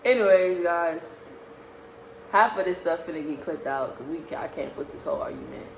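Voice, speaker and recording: A woman in her early twenties co-hosts a casual vlog, earnestly arguing her point on camera and stumbling into many restarts. Her voice sits on the low side with vocal fry, at a moderate pace. The room is echoey, with a faint hiss.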